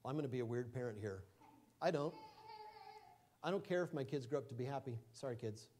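A middle-aged man preaching a sermon in a conversational way, his loudness rising and falling often. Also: medium pitch, animated, fast talker, slight background noise. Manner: conversational preaching with wide swings in loudness, light chuckles.

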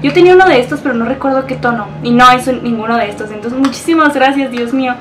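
A woman's voice: high voice, fast, far from the mic, low-quality recording. A young woman with a Mexican accent, gushing and emotional as she unboxes a package for her vlog. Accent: Mexican Spanish. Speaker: beauty vlogger.

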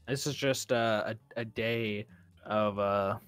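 A man's voice: fairly low pitch, steady tone, takes it slowly, a bit bright, soft background music. A man in his twenties co-commentating a fighting game stream, chatting casually with a joking, playful manner. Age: 20s.

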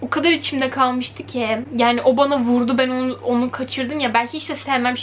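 A young woman telling a story in a casual vlog, animated and chatty, acting out quoted lines. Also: high-pitched, fairly quick, a little hiss or hum. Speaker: vlogger. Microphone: camera mic.

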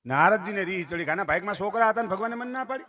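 A man's voice: sits high, animated, rapid-fire, pushed and bright. A man telling a devotional folk tale, talking straight to his listeners and breaking into chanted verse. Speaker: folk storyteller.

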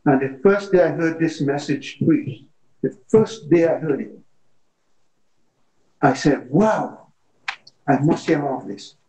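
A man's voice: on the high side, takes it slowly, pauses often, dark tone, slight background noise. A man telling an earnest story in a church Bible study discussion, often repeating words, recorded by a far camera in a meeting room. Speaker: class member.

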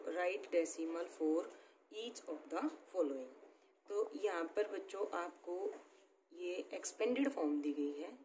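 A woman's voice: fairly low pitch, dark tone. A woman teacher explaining math step by step, often checking in with her pupils. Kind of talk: classroom-style math lesson. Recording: echoey room with faint background noise.

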